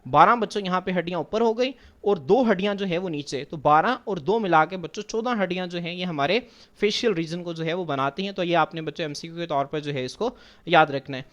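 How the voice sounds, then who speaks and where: A man's voice: high voice, brisk, fairly bright tone. A man teaching biology over slides, patiently repeating points, asking and answering his own questions, and mixing in English terms. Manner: patient, repeats points, addresses students as children; mixes English science terms into speech. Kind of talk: classroom lecture over slides.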